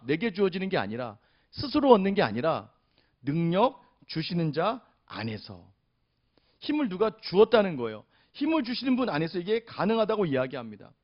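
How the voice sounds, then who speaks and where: A man's voice: high voice, dull audio. A male pastor preaching a sermon in a chapel service, telling stories with animation and often addressing the congregation directly.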